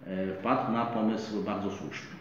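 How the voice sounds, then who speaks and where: A middle-aged man giving measured political commentary as a guest at a studio table, talking in a deliberate, lecturing way with frequent drawn-out hesitations. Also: lowish voice, level tone. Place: bright indoor studio set at a table. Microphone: table microphone on a stand, camera framed wide. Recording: echoey, roomy, slightly dull, faint hiss.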